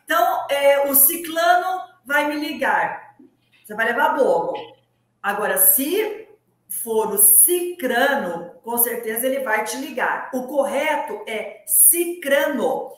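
A woman's voice: high voice, lively intonation, unhurried, heavy reverb. A Brazilian woman hosting a talk show, explaining Portuguese grammar in an emphatic, didactic way with frequent restarts and laughter.

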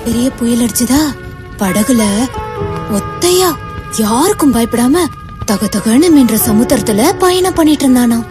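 Gentle movie mom telling her kid a story, highish voice, music behind. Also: animated, a little slow, pauses often. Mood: tender storytelling. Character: tender mother telling her child a story, film drama. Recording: film music underneath.

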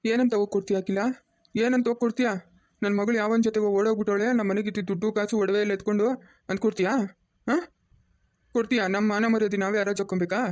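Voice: medium pitch, flat delivery, racing, darkish tone, close to an everyday voice. A performer voicing a bewildered, stern grandfather who keeps questioning, with a rural Chikkaballapur Kannada accent.

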